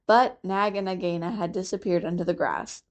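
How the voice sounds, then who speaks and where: A woman with a low, calm voice reads a classic children's story aloud for a library. Her delivery is steady and clear, in an unhurried storytelling manner. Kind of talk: audiobook reading of a children's classic.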